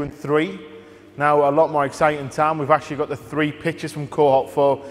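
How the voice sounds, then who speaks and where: A man hosting an event on stage, linking between presentations and introducing speakers. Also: medium pitch. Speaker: event host. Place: large dark theatre stage, indoors. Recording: hall reverb from a stage.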